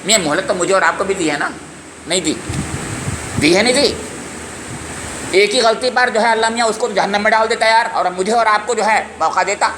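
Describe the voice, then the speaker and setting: A man's voice: high-pitched, long pauses, reverberant, noisy background. A man giving a religious lecture on scripture, emphatic and often putting questions straight to his listeners. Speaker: Quran lecturer.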